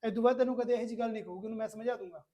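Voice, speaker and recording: A man with a Punjabi accent playing a calm elder brother who soothes his sister. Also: high-pitched, very fast, lightly acted. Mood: soothing. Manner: soothing, reassuring. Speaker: actor in a Punjabi web drama.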